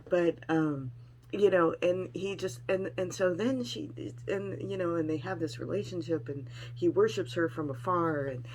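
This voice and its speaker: A woman's voice: lowish voice, moderate pace, darkish tone, a little hiss or hum, rough recording. A middle-aged woman talking in a casual personal vlog, rambling and frank with some salty language. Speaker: vlogger sharing weight-loss surgery experience.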